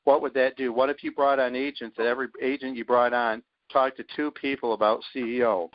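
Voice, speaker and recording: This sales team leader talks a little fast in a steady, mid-range voice, pushing a motivational pitch on a conference call. Confident and emphatic, he punches his points, heard without echo through a dull lo-fi phone line.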